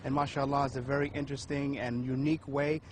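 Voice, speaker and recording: A man's voice: medium pitch, little pitch movement, quick pace. Man hosting a street interview over traffic. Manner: easygoing, many fillers and backchannel murmurs. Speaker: host. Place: outdoors in a city neighborhood. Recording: outdoor street noise.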